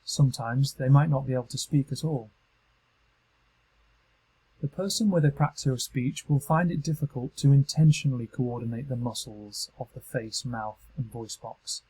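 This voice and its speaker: A man with a British accent giving calm, measured, scripted narration for a training module. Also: mid-range voice, breathy edge, rough recording. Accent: British English. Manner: calm, measured instructional delivery.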